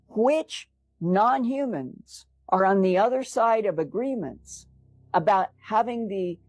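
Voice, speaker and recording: A woman, a guest in an interview, speaking in a measured, deliberate, conversational way. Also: mid-range voice, a little mellow, no echo. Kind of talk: conversational talk.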